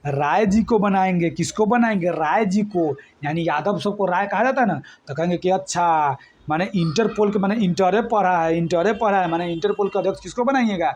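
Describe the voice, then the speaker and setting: A man, teaching an exam coaching lesson. He talks loosely and repeats himself, firing quick questions at his students and answering them himself. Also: high-pitched, darkish tone. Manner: colloquial, repetitive, quizzing the students. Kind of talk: mnemonic lesson for exam prep.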